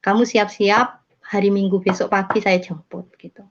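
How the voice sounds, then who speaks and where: A woman's voice: mid-range voice, fairly even intonation, moderate pace. A woman casually telling her conversion testimony, rambling with many fillers and self-corrections. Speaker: testimony speaker. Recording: dull lo-fi sound.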